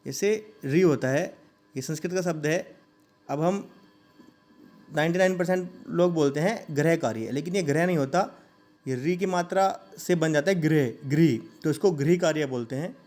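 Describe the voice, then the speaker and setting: A man teaching a grammar lesson, saying each sound slowly and asking listeners to repeat it. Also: on the high side, a little mellow, faint music behind.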